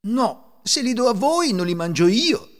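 A man voicing a peasant mother from a folk tale in a high, strained falsetto. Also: big pitch swings, a little slow, big-room sound, heavily acted. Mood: stingy. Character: anxious peasant mother, middle-aged woman.

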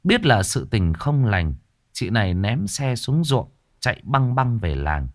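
A man narrating a ghost story in a measured, dramatic manner. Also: medium pitch, very animated, no room sound, studio quality.

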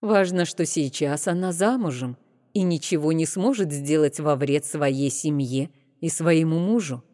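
A woman reading an audiobook, voicing a serene female temple priestess who speaks slowly, calmly and sternly. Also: deep voice, big-room sound. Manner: slow, calm, stern.

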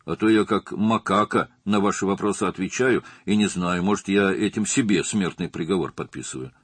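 A man's voice: low voice, brisk, slightly rough, no echo. A man reading an audiobook, voicing a nervous, talkative young male witness who is eager to please. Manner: chatty and defensive.

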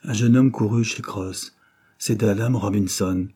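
Male audiobook reader, dark, husky tone, steady. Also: fairly low pitch, a little slow. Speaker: audiobook narrator. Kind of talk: scripted narration.

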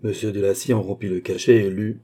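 Husky low-voiced male audiobook narrator. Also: fairly even intonation, fairly quick, dark tone. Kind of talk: scripted narration of a classic novel.

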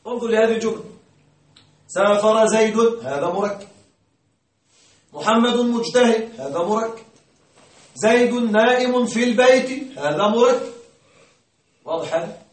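A man's voice: high-pitched, animated, moderate pace, pauses often. A man teaching grammar to a class, often asking a question aloud and then answering it himself. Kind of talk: classroom lecture. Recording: roomy, distant mic.

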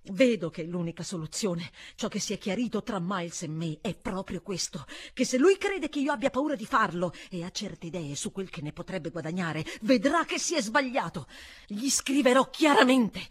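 A woman's voice: fairly low pitch, lively intonation, normal speed, breathy edge. A woman voicing an intense, resolute young governess who speaks urgently and with emphasis.

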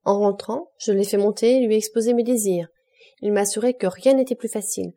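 A witty young viscount full of himself, voiced by a woman reading aloud, in a mellow, warm tone. He talks with playful enthusiasm in this storybook reading. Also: medium pitch, a little fast, lightly acted. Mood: enthusiastic. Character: young male French viscount, boastful and witty.

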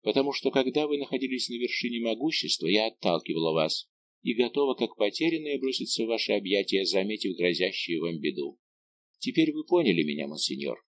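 A man reading an audiobook voices a young noblewoman who speaks softly and earnestly. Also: lowish voice, sing-song, brisk, no echo. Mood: tender. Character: young noblewoman, tender and resolute.

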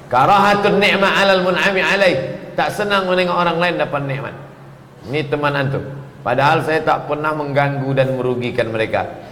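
A man's voice: on the high side, slight background noise. A man preaching, reading questions aloud and answering them with jokes. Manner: animated, joking, reads questions aloud and answers. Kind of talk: sermon Q&A. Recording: echoey hall with faint ambience.

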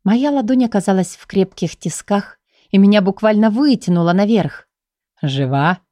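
A woman narrating a first-person fantasy audiobook in an even, measured reading voice. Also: mid-range voice, dry recording, studio quality.

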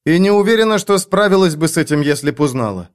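Audiobook bit: male reader doing a worried young woman, higher voice, urgent and pleading. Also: expressive, quick pace, close to an everyday voice. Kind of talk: audiobook character voice.

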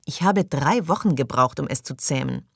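A woman reading an audiobook, voicing a defiant, scheming young woman who speaks eagerly and coaxingly, her voice jumping higher. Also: animated, normal speed, dry recording, studio quality.

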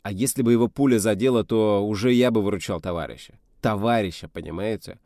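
A man voicing a stern, gruff navy captain in his sixties who talks in a commanding, bitter way. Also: fairly low pitch, quick pace, dark tone, no room sound, studio quality, lightly acted. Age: 60s.

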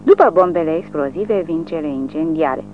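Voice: mid-range voice, lively intonation, slight background noise. An audiobook narrator reading a war novel in a dramatic, widely varying delivery. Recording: narrow phone-like sound, faint music.

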